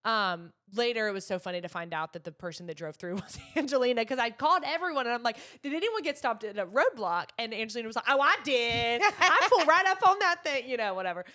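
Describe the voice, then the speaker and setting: A woman, co-hosting a podcast and telling a story in an animated way, laughing often. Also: a little high, fast, hardly any pauses. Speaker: podcast co-host. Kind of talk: casual chat.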